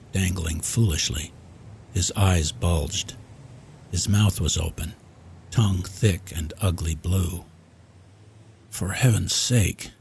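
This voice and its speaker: Male audiobook reader, very low and slow, measured and somber delivery. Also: darkish tone, slight background noise. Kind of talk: audiobook narration.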